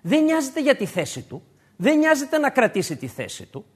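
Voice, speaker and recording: A man's voice: very high-pitched, wildly swooping pitch, breathy edge. A man preaching a sermon to his congregation, emphatic and repeating his key points.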